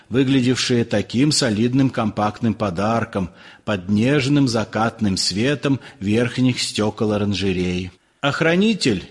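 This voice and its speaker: A man narrating an audiobook in a measured, expressive reading. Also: mid-range voice.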